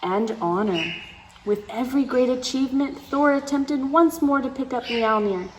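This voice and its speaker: A woman with a high voice reads a storybook aloud to young children at normal speed, acting as a story time host. She reads expressively, tossing in exclamations and asides to her listeners, over clear background noise.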